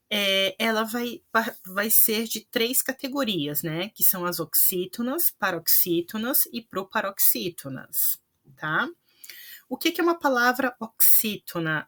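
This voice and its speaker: A woman's voice: fairly low pitch, sharp tone. A woman teaching a language lesson, explaining patiently and checking in often with her viewers. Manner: patient, explanatory, frequent "né" and "tá" tags.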